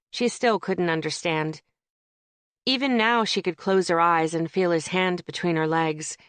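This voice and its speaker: A woman narrating a romance audiobook in an expressive, wry storytelling manner. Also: fairly low pitch, dry recording. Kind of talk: scripted narration.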